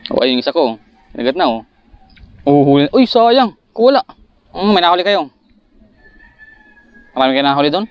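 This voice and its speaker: A man vlogging while fishing outdoors, chatting to viewers and breaking into excited bursts at each bite. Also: fairly high pitch, fairly quick, pauses often, smooth, dry recording, lo-fi sound. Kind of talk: casual fishing vlog narration. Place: outdoors by the water, rural.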